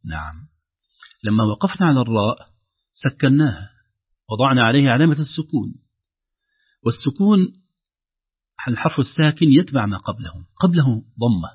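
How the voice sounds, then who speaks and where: A man with a husky, breathy voice teaches recitation rules in a dry, close room, explaining patiently and pausing to chant example words louder and slower. The recording has a dull, lo-fi sound. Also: mid-range voice, dry recording. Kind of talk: tajweed lesson with recited examples.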